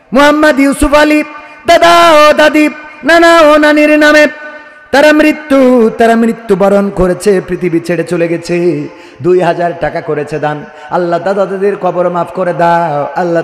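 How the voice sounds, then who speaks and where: On stage at a religious gathering, a young adult Bangladeshi preacher with a really high voice and a Bangladeshi Bengali accent gives a waz sermon. He's loud and declamatory, drifting into singsong chanting while asking for donations, leading prayers and prompting the crowd to respond. Big, long hall reverb comes from the amplified sound system.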